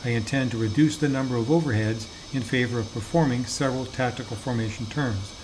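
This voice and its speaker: A man giving measured, methodical and formal scripted instruction as a flight simulator teacher. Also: mid-range voice, noisy background.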